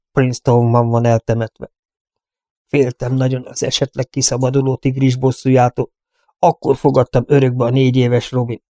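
Give me a man doing a fearful aging cowboy guardian, halting and hushed, for a storybook reading. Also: mid-range voice, vocal fry, no room sound, studio quality, lightly acted. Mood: somber. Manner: halting, confessional, often hushed.

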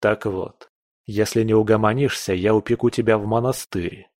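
A man's voice: fairly low pitch, fairly even intonation, normal speed, a little mellow, no room sound, studio quality, lightly acted. A man voicing a stern aristocratic lord in an audiobook, curt and threatening. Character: stern, cold aristocratic male lord and newspaper owner. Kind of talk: audiobook character voice.

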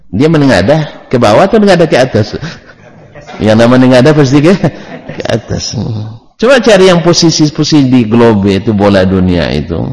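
A man's voice: medium pitch, a little mellow, long reverb tail. A man teaching an Islamic study lecture, joking with his listeners and answering his own questions. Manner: joking, banters with the audience; asks questions and then answers them himself.

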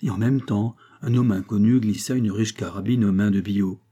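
Mellow, husky male audiobook narrator. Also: on the low side. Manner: steady, measured storytelling. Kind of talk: audiobook reading of a classic novel.

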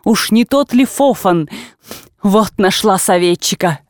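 A woman voicing a fretful, self-pitying mother in an audiobook, speaking in plaintive, drawn-out complaints. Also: mid-range voice, darkish tone, dry recording, clean studio sound, close to an everyday voice. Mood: complaining.

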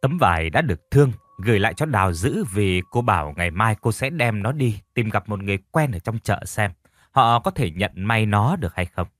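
Lively bright-voiced male storyteller. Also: on the low side, a little fast, no echo, clean studio sound. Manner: expressive, voices characters lightly. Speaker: narrator. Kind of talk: scripted storytelling narration.

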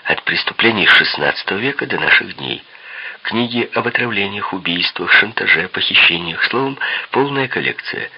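A man narrating a detective novel in a lively first-person reading. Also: low voice, moderate pace, breathy edge, muffled recording.

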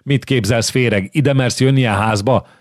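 A man voicing a fierce, scolding old grandmother in an audiobook, shouting threats. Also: medium pitch, no echo, clean studio sound, voice pushed up, natural voice. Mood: furious. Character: fierce old grandmother, burly furious matron. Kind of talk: audiobook character reading.

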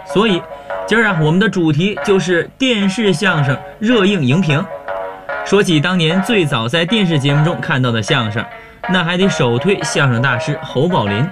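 Guy hosting a show, calm scripted narration, slightly high voice, music under it. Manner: measured storytelling delivery. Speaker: radio program host.

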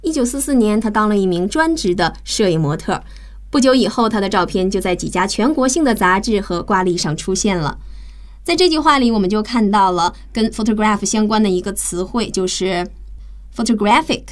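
A woman's voice: mid-range voice, expressive, brisk. A woman hosting a radio English lesson, explaining vocabulary step by step and spelling words out letter by letter. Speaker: English teacher and radio host.

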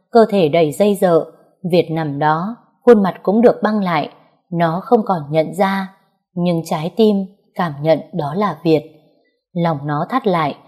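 A woman narrating a novel in a soft, even storytelling manner, reading the characters' dialogue quietly. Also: fairly low pitch. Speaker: audiobook narrator.

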